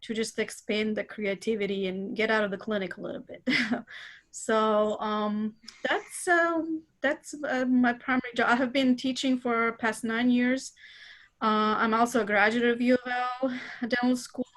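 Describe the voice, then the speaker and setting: A woman from Croatia introduces herself on a video call. She talks in a chatty way with plenty of fillers, and her voice sits slightly high. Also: steady tone, measured pace, a bit bright. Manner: chatty, light laughs, many fillers. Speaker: dental school faculty.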